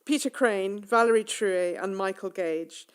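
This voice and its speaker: A woman hosting a radio discussion programme, brisk and polished. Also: medium pitch, clear, resonant tone. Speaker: radio host. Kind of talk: radio presenting.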